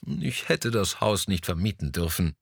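A man's voice: sits low, very animated, moderate pace, gravelly, husky, no echo, studio quality, exaggerated voice. A man reading an audiobook, voicing a vain, silver-haired gallery owner who grumbles and talks down a little. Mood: testy. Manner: grumbling, mildly condescending. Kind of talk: audiobook dialogue.

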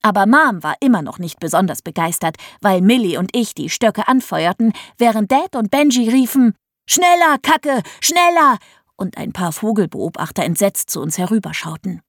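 A woman tells a comic first-person children's story in a playful, teasing way and speaks straight to her young listeners. Her pitch swings widely and with a lot of life. The recording is close and dry, like a studio audiobook. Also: expressive, normal speed, hardly any pauses, no echo. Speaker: audiobook narrator.

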